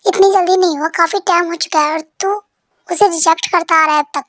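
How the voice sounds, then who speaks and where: Girl doing a chill supportive best friend guy, high voice, fan dub. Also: quick pace, no room sound, studio quality. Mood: calming. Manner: calm, reassuring.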